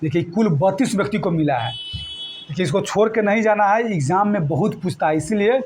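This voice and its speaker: A man's voice: high voice, animated, brisk, a little mellow, a little hiss or hum. A male teacher leading a classroom exam-prep lesson, quizzing students with call-and-response questions and repeating mnemonics. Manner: repetitive mnemonic chanting.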